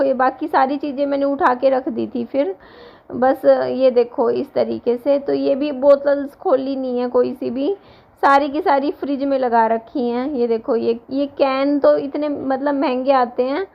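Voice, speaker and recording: A woman in her thirties, hoarse from a sore throat, rambling casually to her viewers in a home vlog. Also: sits high, dull audio. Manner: rambling, restarts often, talks to viewers directly. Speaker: vlogger.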